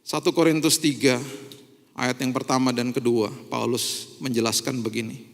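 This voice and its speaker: A man preaching a sermon in a church, animated and swinging between loud exclamations and quiet musing, with English words mixed in. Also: medium pitch, moderate pace, gravelly. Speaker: pastor. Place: church hall. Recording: long church hall reverb.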